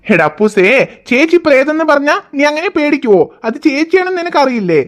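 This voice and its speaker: A woman's voice: high-pitched, big pitch swings, a little fast. A woman voicing a teasing, good-natured cartoon father who talks in a jokey, playfully bossy way. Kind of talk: cartoon voice acting.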